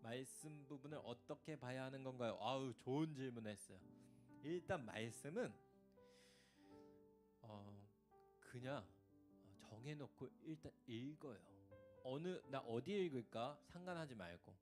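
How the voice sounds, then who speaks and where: A man's voice: mid-range voice, animated, unhurried, a little mellow, faint music behind. A youth pastor, a man, teaching a question-and-answer session in a casual way, often checking that his listeners follow. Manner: acts out short quoted voices and examples. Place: church youth service.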